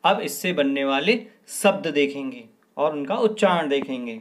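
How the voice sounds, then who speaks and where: A man teaching young children to read, sounding out syllables one by one and then calling out each answer higher and louder. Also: lively intonation. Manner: slow, clearly sounds out each syllable, then raises pitch and volume for the answer. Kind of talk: children's Hindi lesson.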